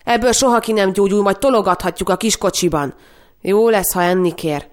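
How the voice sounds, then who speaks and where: A woman's voice: medium pitch, close to an everyday voice. A woman reading the lines of a bitter, blunt brother who speaks in a harsh, curt way.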